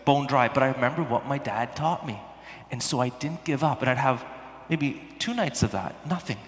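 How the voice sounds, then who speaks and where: A man giving an informal youth sermon as a priest, in an earnest youth-pastor manner, shifting between hushed, drawn-out phrases and emphatic bursts. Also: medium pitch. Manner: animated, dramatic delivery swinging from hushed, drawn-out words to emphatic bursts. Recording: echoey hall with long reverb.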